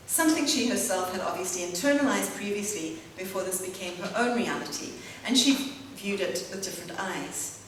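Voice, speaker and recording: A woman giving an academic lecture, reading from a prepared text and adding spoken asides. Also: mid-range voice. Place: lecture hall. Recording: very echoey hall, distant mic, faint hum.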